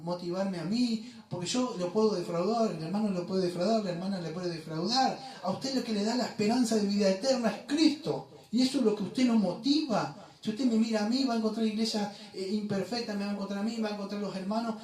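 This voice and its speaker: A man's voice: high-pitched, quick pace, hardly any pauses, a little mellow. A man preaching a sermon as pastor, emphatic and full of rhetorical questions. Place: church sanctuary. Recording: echoey church room from far off.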